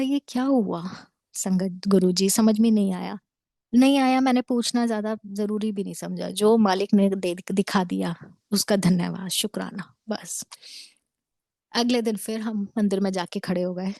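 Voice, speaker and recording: A woman in her thirties earnestly telling a devotional story to a congregation, mixing in English words and dropping to a hush at tense moments. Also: mid-range voice, no room sound. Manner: drops to a hushed near-whisper at tense moments. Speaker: devotee sharing a testimony. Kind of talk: devotional satsang testimony.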